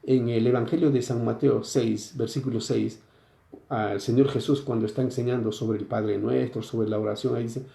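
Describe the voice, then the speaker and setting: Male pastor, sermon, deep mellow gravelly voice, questioning listeners as he teaches, echoey church room. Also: steady tone, moderate pace. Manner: explains scripture with frequent rhetorical questions. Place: church sanctuary.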